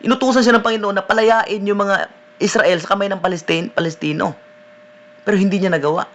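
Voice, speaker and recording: Preacher guy, pretty high voice, chatty sermon style w/ lots of "no?". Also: fairly even intonation, fairly quick, a bit bright. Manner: conversational preaching, mixing in English phrases, frequent "no?" tag questions. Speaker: deliverance minister, preacher.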